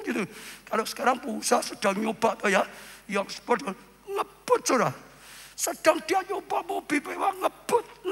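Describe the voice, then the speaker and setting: A man with an Indonesian accent delivers a live sermon, his voice high and sharply bright. He moves dramatically between hushed, intimate passages and loud, impassioned shouting. The sound carries the long reverb of a large church hall. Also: slightly rough. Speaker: pastor.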